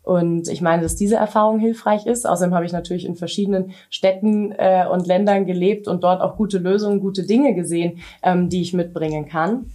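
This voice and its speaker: A woman's voice: lowish voice, steady tone, a little fast, hardly any pauses, mellow. Woman, 30s, mayoral candidate being interviewed; hesitant, filler-heavy delivery. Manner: hesitant, many fillers and restarts. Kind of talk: interview answers.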